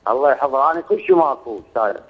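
A man's voice: mid-range voice, expressive, racing, phone-quality sound. A man in his sixties with an Iraqi accent, calling in to a radio show and pleading about his hardship, swearing oaths and repeating himself. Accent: Iraqi Arabic. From Iraq. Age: 60s. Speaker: caller. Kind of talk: call-in radio complaint. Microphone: phone line.

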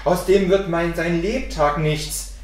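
A woman's voice: on the low side, steady tone, slow, darkish tone. A woman voicing a scornful elder brother, muttering in mockery. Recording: echoey room from far off.

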